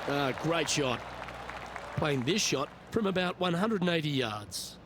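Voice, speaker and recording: Male golf commentator, fairly high voice, calling play with restraint over an audible crowd. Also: expressive, unhurried. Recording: crowd and outdoor noise behind voice. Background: crowd and outdoor ambience.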